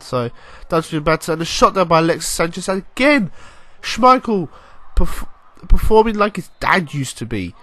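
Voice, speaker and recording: Young guy commentating his football game, chatty and excitable, a touch high-pitched, dry sound. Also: no echo. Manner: chatty, rambling, excitable bursts, mild swearing. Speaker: gaming YouTuber.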